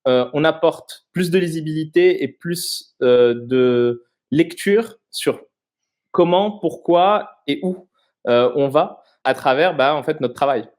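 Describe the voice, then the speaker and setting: A man in his thirties from Morocco, a guest in a casual interview, explaining things in a halting way with frequent pauses. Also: on the high side, darkish tone.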